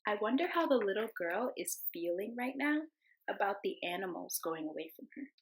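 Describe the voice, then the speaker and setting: A young woman teacher reads a children's picture book aloud in a gentle storytelling voice, calling the animals in a sing-song tone. Her mid-range voice is very animated at normal speed.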